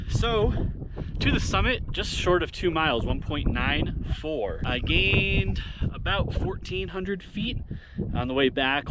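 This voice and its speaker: A man giving a casual, conversational trail-guide narration to camera outdoors on a windy mountain ridge. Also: mid-range voice. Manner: laid-back, conversational. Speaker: hiking guide vlogger. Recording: loud wind buffeting the microphone outdoors.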